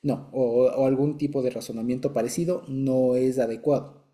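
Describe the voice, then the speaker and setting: A man with a very deep, mellow, warm voice leads a conversational Bible lesson. He explains patiently, checks in often with short asides to his listeners, and chuckles lightly along the way. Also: fairly even intonation, moderate pace. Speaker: Bible study teacher.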